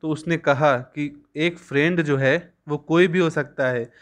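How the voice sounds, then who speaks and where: A young man teaching a school English lesson, reading lines slowly and then explaining them at length. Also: fairly high pitch, steady tone.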